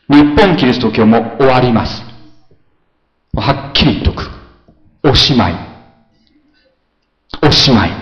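A man preaching a sermon as pastor, animated, swinging between soft asides and loud exclamations, often asking his listeners questions. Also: mid-range voice, roomy sound, highs cut off. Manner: conversational, asks the congregation questions.

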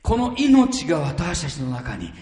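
A male pastor preaching a sermon, animated and firing rhetorical questions at his congregation. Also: on the high side, a little slow. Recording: echoey hall reverb.

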